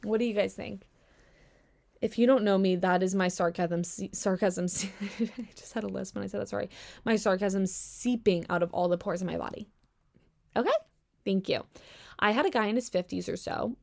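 A woman's voice: mid-range voice, a little fast, vocal fry. Sarcastic young woman ranting on her podcast. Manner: sarcastic, animated ranting with slang and laughs. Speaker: podcast host. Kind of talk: casual solo podcast commentary.

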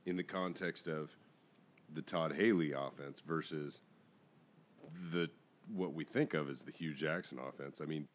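Casting: deep-voiced male podcast host, casual rambling sports talk. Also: measured pace. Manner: animated, rambling.

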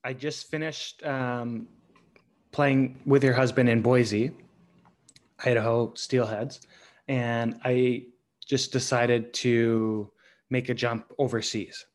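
A man in his thirties, a former pro hockey player, telling his story as a podcast guest in a halting way with many pauses. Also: mid-range voice, little pitch movement, darkish tone. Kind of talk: conversational storytelling.

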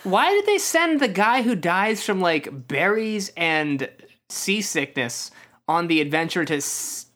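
A woman's voice: fairly low pitch, sing-song, unhurried, fairly bright tone. A woman co-hosting a comedy podcast, teasing and wry in casual chat. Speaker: podcast co-host.

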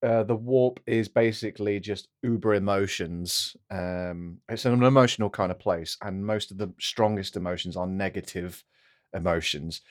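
A man co-hosting a podcast who asks the questions and checks what he has understood. His voice sits fairly low, and the sound is dry and close to the mic. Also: fairly even intonation, moderate pace, dry recording. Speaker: podcast co-host asking questions. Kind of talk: casual chat.

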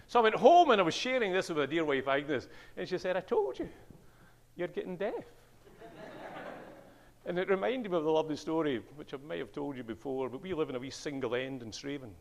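An older man with a Scottish accent preaching a sermon in a church, telling stories with lively swings in pitch. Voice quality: animated storyteller, wide pitch swings on quoted speech. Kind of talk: sermon with anecdotes.

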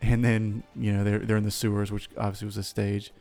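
A man's voice: on the low side, level tone, fairly quick, vocal fry, a little mellow, soft background music. A man co-hosting a casual comedy podcast, cracking dry jokes and swearing offhandedly. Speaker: podcast co-host.

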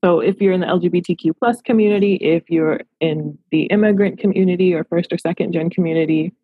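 A woman's voice: on the low side, quick pace, slightly rough, dry recording, narrow, tinny audio. A woman in her thirties from Los Angeles, a therapist answering interview questions in a reflective, earnest way. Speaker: therapist and practice owner.

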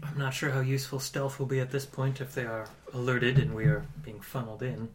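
A man's voice: mid-range voice, little pitch movement, brisk, slight background noise. A man playing a tabletop game, casually planning and commenting as one of the players.

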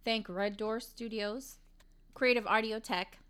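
Podcast co-host, woman, bright crisp voice, lively chatty delivery. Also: on the high side, unhurried. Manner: animated storytelling with laughter. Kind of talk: casual chat. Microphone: studio mic.

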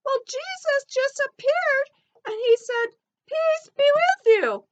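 A woman putting on a squeaky sweet elephant girl, very high, sing-song, lo-fi sound. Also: takes it slowly, exaggerated voice. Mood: eager. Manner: eager, excitable storytelling. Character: squeaky young female elephant, sweet and earnest.

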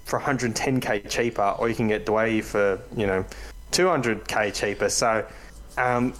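A man's voice: on the low side, a little slow, fairly bright tone, low-quality recording. A man hosting a casual, matey and slangy fantasy rugby league chat. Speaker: podcast host.

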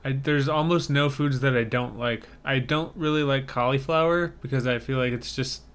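Laid-back male podcast co-host with a smooth, clear voice and dry humor. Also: mid-range voice, moderate pace, a bit bright. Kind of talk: casual chat. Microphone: remote video call.

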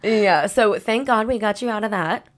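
A woman with a raspy voice hosting a podcast, chatting casually and asking her guest questions. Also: medium pitch, normal speed. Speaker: podcast host.

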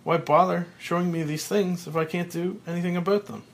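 A man voicing a panicked man who thinks he is being buried alive, yelling and frantic. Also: on the high side, lively intonation, moderate pace.

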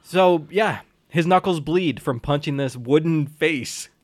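A man co-hosting a casual movie podcast, animatedly retelling scenes and agreeing quickly. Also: a little high, no room sound, studio quality. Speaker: podcast co-host. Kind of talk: casual movie-review chat.

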